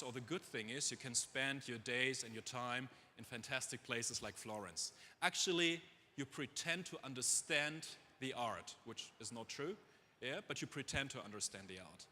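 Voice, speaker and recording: On stage in a large conference hall, a middle-aged chief executive with a German accent gives an informal, humorous talk, self-deprecating and chatty with asides to the audience. He is from Germany and grew up in Dubai. His medium-pitched voice sounds pushed and bright, with slight background noise and the hall's long, echoing reverb.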